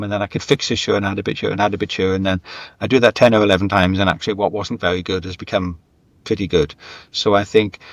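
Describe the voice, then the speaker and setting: A man with a lowish voice, a screenwriter and novelist, talks as an interview guest in a conversational way, thinking aloud and repeating his words often. The recording has no room sound.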